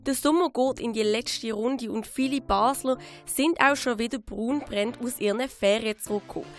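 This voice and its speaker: A woman reporter reads a scripted news voice-over. Her voice is slightly high, with faint music behind. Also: normal speed.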